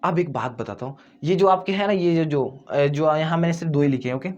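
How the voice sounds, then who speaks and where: A man teaching English grammar, repeating himself, asking and answering his own questions, and stretching words out slowly to show their syllables. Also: fairly high pitch, darkish tone, highs cut off. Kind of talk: explaining grammar to students.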